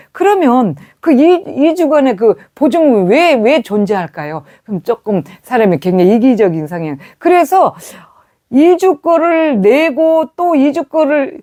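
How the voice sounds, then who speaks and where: A woman's voice: sits high, mellow. A middle-aged woman giving a sermon testimony, telling a story animatedly with quoted dialogue. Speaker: preacher.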